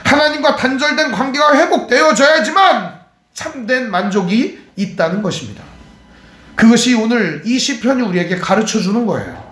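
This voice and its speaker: High, lively middle-aged male preacher. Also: normal speed. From Cheonan, Chungcheong, South Korea. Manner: emphatic preaching with rhetorical questions to the congregation. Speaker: pastor. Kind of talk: sermon. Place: church sanctuary. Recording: echoey church sanctuary.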